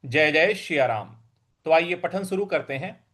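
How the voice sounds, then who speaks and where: A man teaching a recitation lesson, repeating each word slowly and drawing out syllables as he chants verses. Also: fairly high pitch, lively intonation, fairly bright tone. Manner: slow, careful, drawn-out syllables in chanted verse; repeats words for practice.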